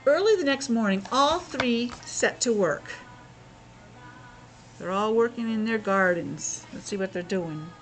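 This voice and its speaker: A teacher reads a picture book aloud to young children, stopping for chatty asides, explanations and questions. Her voice is a little high, with lively intonation and a measured pace. There is slight background noise, and the recording quality is low.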